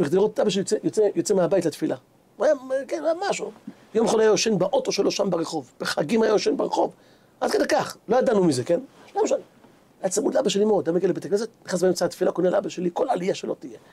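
A man's voice: sits high, husky. A man, a rabbi, giving a sermon and telling a story, acting out both sides of a conversation. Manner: animated storyteller acting out dialogue. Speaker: rabbi giving a Torah lesson. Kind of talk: Hebrew sermon with stories.

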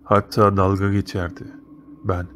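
A man's voice: deep voice, level tone, measured pace, a bit bright. A man narrating a first-person horror story in a casual, slangy, matter-of-fact way. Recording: noticeable background noise.

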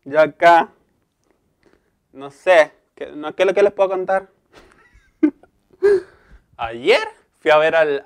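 A man voicing a chatty, gossiping woman with a Mendoza Argentine accent, drawling in a sing-song way. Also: a little high. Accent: Mendoza Argentine Spanish.

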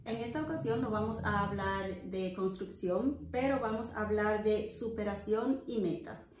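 A middle-aged woman hosts a podcast interview from a sofa in an indoor living room, asking questions with lots of fillers. Her voice is mid-range and a little mellow at a moderate pace, and the recording is reverberant.

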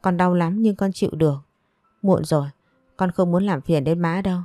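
A woman's voice: on the low side, normal speed, mellow, dry recording, studio quality, close to an everyday voice. A woman voicing a tearful, wheedling young woman in a romance story, speaking in a plaintive, whimpering way.

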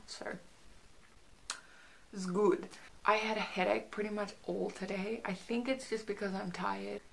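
Creaky young woman, slightly restricted jaw. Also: medium pitch, slight background noise, poor audio. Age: young adult. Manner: rambling, hesitant, frequent "like". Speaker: vlogger. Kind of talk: casual chatty recovery update to camera. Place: small bedroom, indoors.

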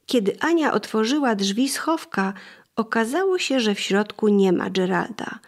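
A woman narrating an audiobook chapter in an even, measured storytelling manner. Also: on the high side. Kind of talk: scripted narration.

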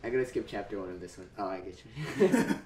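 A man's voice: on the low side, animated, fast talker, warm tone, echoey room, soft background music. A man hosting a show, giving a casual comedic reading and laughing often as he goes. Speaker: host reading fan fiction aloud.

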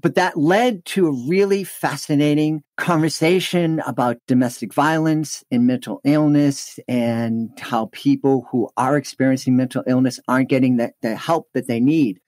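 A man's voice: medium pitch, fairly even intonation, moderate pace, few pauses, darkish tone, no echo. A man with an American accent talking as a podcast guest, telling anecdotes conversationally and acting out quotes. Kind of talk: conversational interview storytelling.

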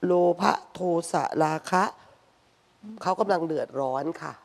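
A woman's voice: sits low, unhurried, gravelly. A woman co-host respectfully reading listener questions on a live dharma talk show. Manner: respectful, reads questions, affirming. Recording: long hall reverb.

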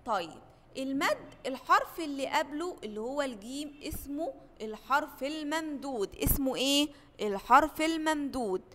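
Egyptian woman as primary teacher, high bright voice, quizzes her class call-and-response, recorded in a reverberant room. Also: animated, moderate pace. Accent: Egyptian Arabic. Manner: asks questions and answers them herself, call-and-response. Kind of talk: children's classroom lesson.

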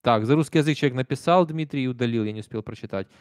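A man in his thirties from Ukraine races through viewer comments on a live stream, his medium-pitched voice carrying a Kyiv Russian accent. He's conversational and emphatic, with soft-spoken asides. Recorded on a close desk stand mic in a small room indoors, the audio is studio quality with no echo.

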